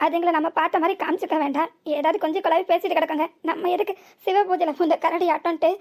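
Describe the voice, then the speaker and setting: A woman's voice: fairly even intonation, fast, a little mellow. A woman voicing a furious middle-aged village mother who berates and laments at her daughter in a cartoon serial. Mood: accusing. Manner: shrill, berating, lamenting scolding.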